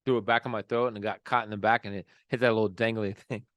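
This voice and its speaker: A man's voice: on the low side, steady tone, quick pace, no echo, studio quality. A man co-hosting a podcast, chatting casually with playful exaggerated jokes. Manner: joking, laid-back, playful exaggeration. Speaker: podcast co-host. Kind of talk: casual chat.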